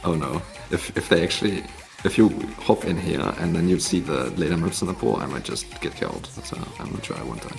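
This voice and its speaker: Deep-voiced man in a cave-like echo. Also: expressive, brisk, gravelly, hardly any pauses. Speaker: host of a tournament mappool showcase. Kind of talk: casual live gaming commentary. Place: empty meeting room at work. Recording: echoey empty room, music behind.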